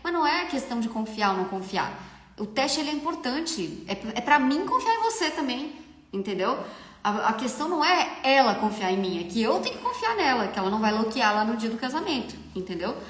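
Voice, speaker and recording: A woman's voice: fairly high pitch, sing-song, fairly quick, fairly bright tone. Chatty Brazilian woman, echoey room. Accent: Brazilian Portuguese. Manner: chatty, frank, often asks "entendeu?". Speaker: makeup artist hosting a live Q&A. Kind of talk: casual live-stream advice.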